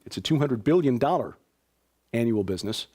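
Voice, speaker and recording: The Chicago man behind the news desk talks fairly quickly in a dark, mid-range voice with lively intonation. He treats the stories and announcements casually, filling gaps with fillers and dry asides.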